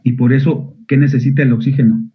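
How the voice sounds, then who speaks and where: A male medical school lecturer giving an online physiology class. He often quizzes his students and clears his throat. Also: mid-range voice, steady tone, fast. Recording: narrow phone-like audio.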